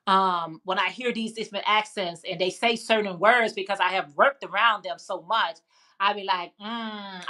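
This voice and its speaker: With a medium-pitched, sharp-toned voice, a Chicago-accented woman hosts a casual live chat as a livestream host. She's chatty and rambling as she replies to viewer comments, with frequent fillers and restarts.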